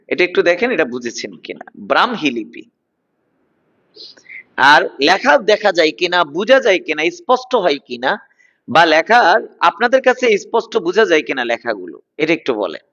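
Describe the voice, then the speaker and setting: A man's voice: a little high, big pitch swings, moderate pace, a bit bright. A man in his thirties teaching an online class, repeating words and coaxing his students along. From Bangladesh. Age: 30s. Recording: dull lo-fi online class audio.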